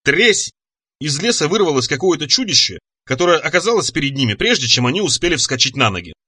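A man narrating an audiobook with expressive storytelling. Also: a little high, quick pace, breathy edge. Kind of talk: scripted narration.

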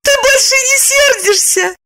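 A woman voicing a desperate, naive young woman in love, with shrill, pleading exclamations. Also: measured pace, pushed and bright, full character voice. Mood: elated. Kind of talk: audiobook narration with voiced characters.

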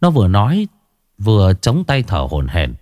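A man's voice: on the low side, wildly swooping pitch, moderate pace, darkish tone, dry recording. A man narrating a ghost story in a dramatic storytelling manner.

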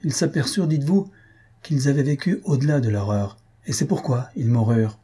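A man's voice: mid-range voice, a little fast, warm tone, slightly rough, lightly acted. A man reading the lines of a despairing young nobleman, speaking firmly and reproachfully. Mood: bitter. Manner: firm and reproachful.

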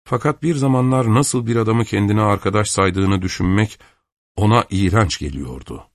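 Male narrator, low voice, measured audiobook reading, dry booth sound. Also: no room sound. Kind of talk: scripted narration.

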